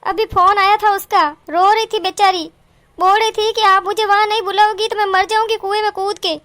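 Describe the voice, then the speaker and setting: A woman's voice: very high voice, fairly even intonation, fairly quick, fairly bright tone. A woman voicing a middle-aged cartoon mother who dotes on her daughter and scolds her daughter's in-laws indignantly. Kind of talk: cartoon voice acting.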